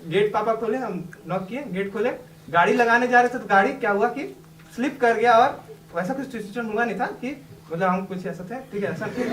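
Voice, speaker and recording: Chatty young man, distant, echoey room. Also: sits high. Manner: chatty, laughing often while telling. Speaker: successful exam candidate. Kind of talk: telling a personal story to a class. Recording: echoey room, distant mic, background noise.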